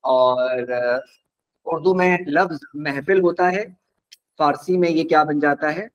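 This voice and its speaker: A man with a somewhat high voice leads a classroom lesson as the teacher. He is patient and stretches words out slowly so his students can repeat them. The recording sounds dull and lo-fi. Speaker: language teacher.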